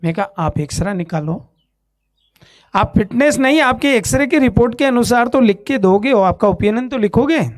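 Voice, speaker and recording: Man from Ajmer, India, church testimony speaker, animated storyteller who acts out the dialogue, dry sound. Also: very high-pitched, normal speed, no room sound. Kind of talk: spoken testimony on stage. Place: church stage.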